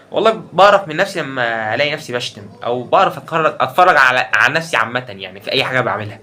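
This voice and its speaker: Fast-talking Egyptian young man ranting. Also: medium pitch, pushed and bright, slight background noise. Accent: Egyptian Arabic. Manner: emotional, repetitive, keeps calling out to viewers. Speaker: YouTuber. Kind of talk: ranting vlog monologue.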